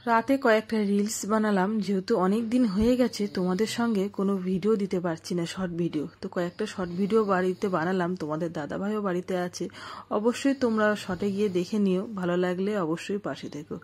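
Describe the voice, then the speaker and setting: A breathy, slightly husky woman in her thirties records a casual home vlog. She talks straight to her viewers in a rambling, chatty way, at a middling pitch. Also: fairly quick, darkish tone. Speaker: family vlogger.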